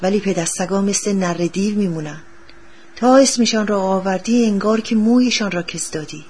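A woman voicing a poor, bitter middle-aged father who scolds his son, with a husky voice, read as a storybook. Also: medium pitch, a little mellow, natural voice. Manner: gruff, scolding, superstitious. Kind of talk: storybook reading.

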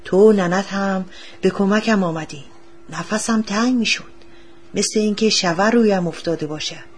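A bitter, gruff father who scolds and grumbles in a husky voice, as a woman puts him on. His pitch sits in the middle of the range. It is a storybook reading full of superstition and hard luck. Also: lightly acted. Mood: uneasy. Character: poor bitter middle-aged father digging for treasure.

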